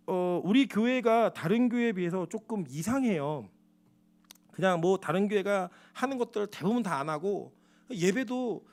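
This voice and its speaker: A male pastor preaching a sermon, emphatic and animated, asking the congregation rhetorical questions. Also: sits high.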